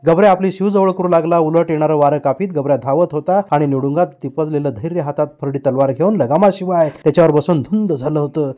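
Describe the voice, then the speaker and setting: A man's voice: fairly high pitch, fast, few pauses, warm tone. A man reading a novel aloud as an audiobook, narrating with vivid storytelling. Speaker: audiobook reader.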